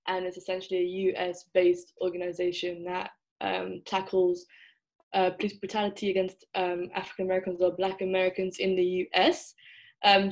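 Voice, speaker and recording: Young woman from England, student guest, thoughtful and halting, on a call. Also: on the low side, a little mellow, poor audio. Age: young adult. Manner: thoughtful, many fillers and restarts. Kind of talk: casual conversation.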